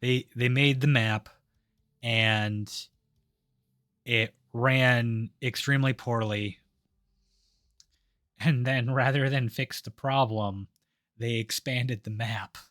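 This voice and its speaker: Male streamer, sardonic, unhurried delivery, dead dry room. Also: mid-range voice, steady tone, fairly bright tone, no echo. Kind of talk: casual gaming stream chat.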